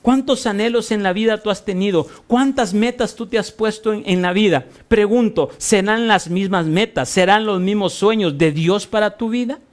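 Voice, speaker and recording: A man with a notably high voice preaching from the pulpit. He delivers an impassioned sermon, building on repeated phrases and rhetorical questions aimed at his listeners. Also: normal speed, few pauses. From Honduras. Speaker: pastor.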